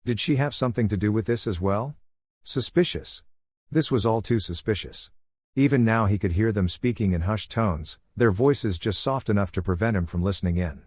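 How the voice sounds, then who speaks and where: A man narrating a fan-fiction story, reading in a steady, measured way. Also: fairly low pitch, husky, no room sound.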